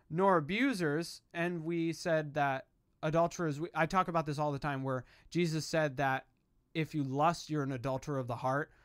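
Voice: mid-range voice, no room sound, clean studio sound. A preacher giving a fiery, informal evangelistic sermon in an emphatic, exhorting way, with sarcastic asides and rhetorical questions. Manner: self-described yelling preacher voice.

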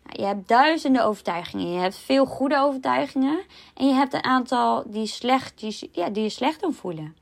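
Gravelly-voiced woman coaching. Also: high voice, normal speed. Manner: calm, explanatory, self-mocking asides. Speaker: life coach. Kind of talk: solo podcast monologue.

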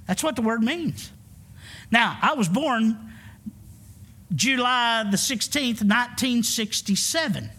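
This pastor in his 50s preaches emphatically in church, taking it slowly and pausing often as he calls for answers from the congregation. His extremely high voice is expressive, bright and forceful, in call-and-response fashion.

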